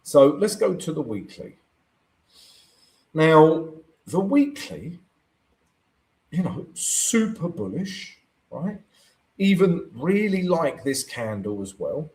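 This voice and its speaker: On a live trading stream, a croaky-voiced man walks through his charts in a slow, sing-song way, with long pauses and a darkish tone on a rough recording. His pitch rises and falls as he chats, reading chat comments aloud, answering them, and repeatedly asking viewers "right?"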